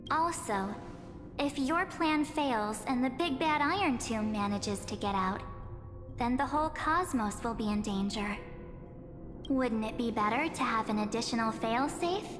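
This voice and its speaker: Game music plays beneath long hall reverb as an actress portrays an uncanny memory spirit posing as a perky girl. Her voice is on the high side, expressive and a little slow. She comes across as teasing, breezy, sly and persuasive.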